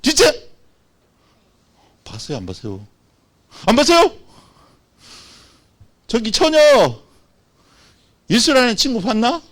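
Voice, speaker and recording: A man's voice: extremely high pitch, wildly swooping pitch, unhurried, long pauses, a bit bright, pitched above the performer's own voice, full character voice. A man voicing a frantic parent searching for a lost son, stammering anxiously and crying out in panic. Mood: panicked.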